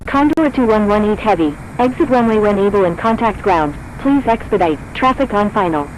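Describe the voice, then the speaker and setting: A woman plays a brisk, procedural tower controller in a flight game. The delivery is scripted air traffic control radio phraseology, clipped and formulaic, with faint noise behind it. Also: mid-range voice, expressive, natural voice, rough recording.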